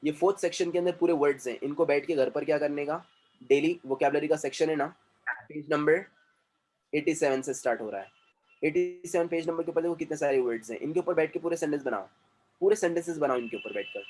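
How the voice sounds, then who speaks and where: Man, English teacher, stern and repetitive, slightly higher voice, lecturing an online class. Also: fast talker, a little mellow.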